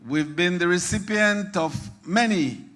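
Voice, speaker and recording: A man's voice: high voice, a little slow, heavy background noise. A man giving a solemn, reverent address at a ceremony in a church hall. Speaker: speaker at a ceremony. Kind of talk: formal address with prayer. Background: music.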